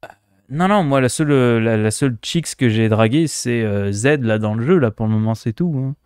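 A man's voice: mid-range voice, normal speed, darkish tone, smooth, no echo, studio quality. Playful, laughing French man streaming a game. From France. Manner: playful, laughing, mimics accents. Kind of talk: casual gameplay commentary.

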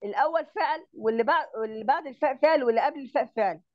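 A woman's voice: high voice, racing, dry recording, dull audio. A woman with an Egyptian Arabic accent teaching grammar in an online lesson, explaining step by step and often checking that her student understands.

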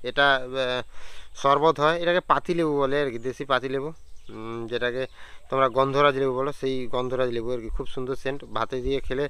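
A young man vlogging casually at home, sick with a cold and a sore throat, chatting with fillers and clearing his throat. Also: medium pitch, sharp tone, no room sound. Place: at home and outdoors in the yard. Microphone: handheld camera on a stand.

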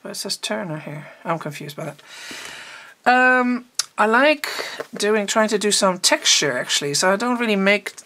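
A woman art teacher chatting casually and eagerly as she unboxes art supplies, thinking out loud as she goes. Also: medium pitch, lively intonation, moderate pace. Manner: chatty and enthusiastic, thinking aloud.

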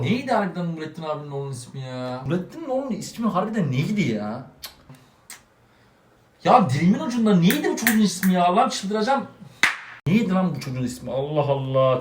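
A man's voice: very high-pitched, a little hiss or hum. A man playing a stern, preachy middle-aged father who scolds his grown son in an exasperated, moralizing way. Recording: echoey room, faint music behind.

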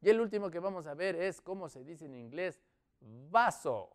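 A man with a Latin American Spanish accent teaching children English words, encouraging them and drawing out each word slowly for repetition. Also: a little high. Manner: slow, drawn-out model pronunciation; lively, encouraging, repeats words.

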